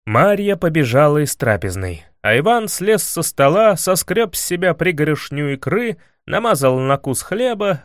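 A man narrating a comic tale with animated, ironic delivery. His voice sits a touch high and moves a lot. The recording is dry and close. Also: no room sound.

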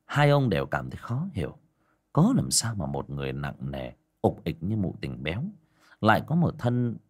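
A man narrating a scripted horror story in a dramatic, expressive way. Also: fairly low pitch, breathy edge.

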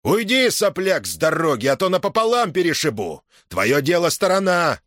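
A man voicing a drunk soldier who bullies and threatens, shouting. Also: medium pitch, big pitch swings, moderate pace, no echo, clean studio sound, pitched above the performer's own voice. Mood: menacing. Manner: shouting, menacing.

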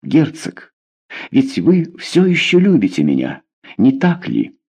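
A man voicing a proud, wounded young queen in an audiobook, speaking softly and wistfully. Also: mid-range voice, huge pitch swings, slow pace, slightly rough, voice pushed up, full character voice.

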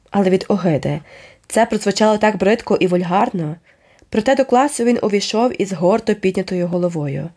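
An audiobook narrator with a mid-range voice reads a children's novel aloud. Her scripted narration is measured and expressive, told in a storytelling manner.

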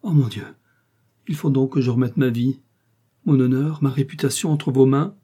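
A man's voice: mid-range voice, fairly even intonation, moderate pace, mellow, slightly rough, natural voice. A man reading an audiobook, voicing a frightened, desperate queen in anguished, exclaiming pleas. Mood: anxious.

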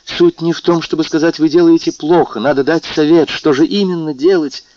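A man's voice: medium pitch, moderate pace, dry recording, pitched above the performer's own voice, lightly acted. A pleading, agitated young woman, her voice lifted well above the male reader's own. She sounds torn and distressed, caught between duty and love. The recording is dull and dry, made in a studio.

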